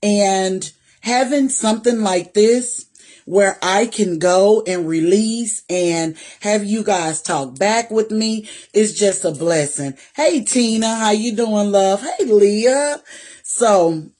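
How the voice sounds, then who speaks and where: A woman's voice: medium pitch, slow pace. A woman, chatting on a live stream and greeting viewers by name. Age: 40s. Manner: warm, greets viewers by name, Southern "y'all" talk. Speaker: vlogger hosting a live stream. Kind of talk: casual live-stream chat.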